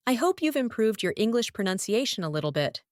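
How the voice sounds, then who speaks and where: A woman's voice: on the high side, very animated, fairly quick, a little mellow, no room sound, studio quality. A woman with a Lithuanian accent teaching English pronunciation, saying each example word several times. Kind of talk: pronunciation lesson, repeating example words.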